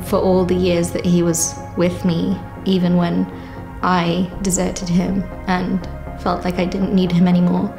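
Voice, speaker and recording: A young woman shares her faith story in a soft, lower, gravelly voice. She speaks in a reflective, unhurried way, pausing often. Her delivery stays fairly even in pitch, with faint music underneath. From Kenya. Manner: reflective, unhurried, with frequent pauses. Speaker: church member giving testimony. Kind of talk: personal testimony.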